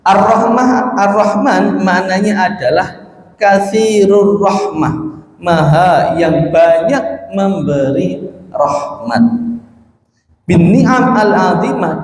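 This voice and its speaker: A man with a Javanese accent teaching a religious class, explaining patiently and repeating key terms as he translates Arabic phrases. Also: high-pitched. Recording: echoey hall with long reverb.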